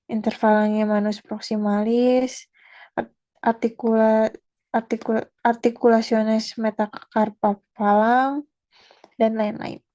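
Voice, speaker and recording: Giving an anatomy presentation, a young woman student speaks haltingly, pausing often, using fillers, and correcting herself mid-word. Her voice is fairly high yet mellow and soft-edged.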